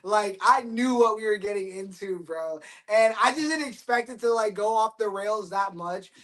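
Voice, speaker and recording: A man's voice: high voice, moderate pace, a bit bright. A man in a casual interview, joking, swearing and laughing often as a band guest. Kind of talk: casual chat.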